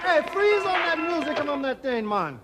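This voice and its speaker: A high Jamaican street jazzman. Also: sing-song, moderate pace, over loud music. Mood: irritated. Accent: put-on Jamaican. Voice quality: exaggerated sing-song accent. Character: laid-back male street jazz musician. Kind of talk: 1980s children's TV sitcom.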